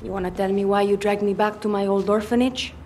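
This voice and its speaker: A woman's voice: medium pitch, steady tone, fast, noisy background, close to an everyday voice. A woman playing a blunt, skeptical young guerrilla fighter in a dramatic video game.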